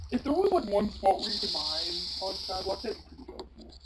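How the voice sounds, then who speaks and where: A woman giving casual, chatty gameplay commentary, breaking into sudden loud exclamations. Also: mid-range voice, very animated, a little fast. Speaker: gameplay video maker. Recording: loud background noise.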